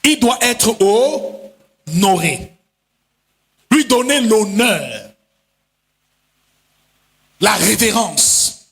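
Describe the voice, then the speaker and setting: A male pastor preaching a sermon in a chanting, sing-song style, now and then breaking into shouted lines and quickly acting out other voices. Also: high voice, very animated, gravelly. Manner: acts out voices in quick asides. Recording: long hall reverb.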